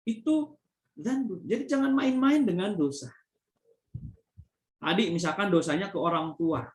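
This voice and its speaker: A man's voice: sits high, unhurried. A man giving a religious study lecture as a preacher, explaining with everyday examples and frequent fillers. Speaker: Islamic preacher. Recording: echoey room.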